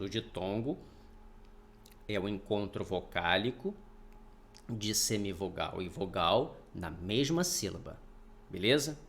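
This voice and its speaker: A male teacher giving a recorded online grammar lesson. His pitch rises and falls a lot as he explains patiently, sounds out each syllable and keeps checking that students follow. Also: fairly bright tone. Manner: explanatory, repeats points, checks in with "tá?". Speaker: Portuguese teacher.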